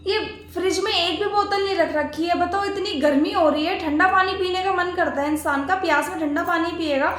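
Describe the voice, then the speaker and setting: A woman's voice: very high voice, fairly quick, hardly any pauses, fairly bright tone, faint music behind. A woman playing a demanding, bossy married sister-in-law who complains and gives orders, in a homemade family skit. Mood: complaining. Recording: echoey room.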